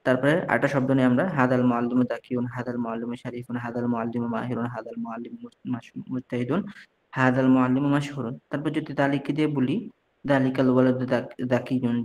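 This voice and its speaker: A man's voice: medium pitch, darkish tone. Patient man drilling phrases in class. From Bangladesh. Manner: patient drilling, reads each phrase then translates it; frequent restarts and mid-word corrections. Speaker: Arabic teacher. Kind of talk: online class lesson.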